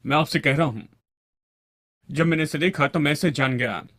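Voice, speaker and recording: A man's voice: a little high, normal speed, a bit bright, no echo, clean studio sound. A man preaching a sermon to a congregation and calling for amens along the way.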